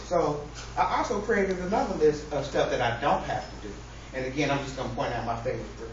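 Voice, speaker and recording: A man delivers an informal, humorous speech to an audience in a mock-earnest, preacher-like style. He talks fast in a mid-range voice with lively intonation. Recorded from a distance in an echoey indoor room, the audio is very echoey, noisy, and muffled.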